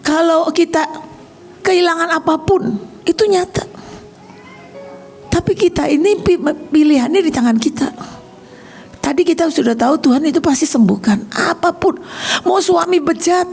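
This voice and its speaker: A woman's voice: very high voice, normal speed, vocal fry, pauses often, a little mellow, faint music behind. A middle-aged woman coach giving a personal testimony sermon, speaking in an earnest, conversational and emotional way.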